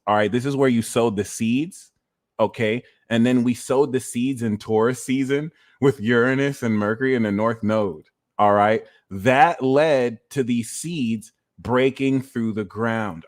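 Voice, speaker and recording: Brief: man from New Jersey, mid-pitched, loose rambling astrology livestream host, dry close sound. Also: no room sound. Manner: rambling, prone to tangents, repeats phrases. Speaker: astrologer and reader. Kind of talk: casual livestream astrology talk.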